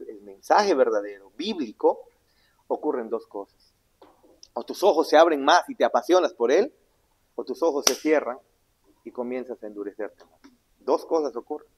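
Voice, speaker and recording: A man preaching a sermon, asking the congregation questions and answering them himself, swinging between loud emphatic lines and low hushed asides. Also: slightly rough. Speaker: pastor. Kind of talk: sermon Bible teaching.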